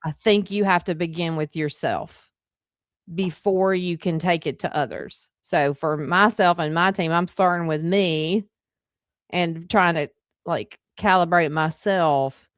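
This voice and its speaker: A woman's voice: fairly low pitch, a little slow, no echo, clean studio sound. A woman hosting a casual interview, chatty and peppered with fillers. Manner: chatty, with frequent "like" and "you know" fillers. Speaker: host.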